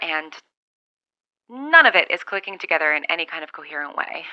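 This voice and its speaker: A woman's voice: deep voice, sharp tone, smooth, no room sound. A woman playing a lone survivor over walkie-talkie. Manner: wry, rambling, thinking aloud. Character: lone woman survivor keeping a radio log. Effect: talking over a CB walkie-talkie radio. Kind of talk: audio drama monologue. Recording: dull lo-fi radio sound.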